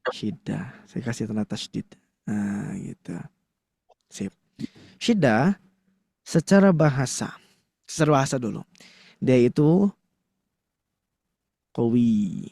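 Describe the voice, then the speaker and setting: A man's voice: mid-range voice, big pitch swings, takes it slowly, vocal fry, pauses often, darkish tone, breathy edge, no room sound, clean studio sound. A man teaching a Quran recitation class to a live audience, chatty and full of fillers, often stopping to quiz the room. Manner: conversational, filler-heavy with frequent "nah", quizzes the audience.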